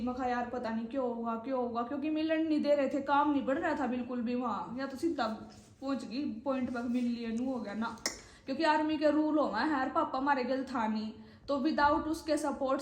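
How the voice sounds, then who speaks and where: A young woman recounts a trip in a rambling, chatty manner, her voice sitting high. She is recorded in a bare, echoey room at home, and her telling wanders from one detail to the next. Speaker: vlogger. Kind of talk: casual storytelling.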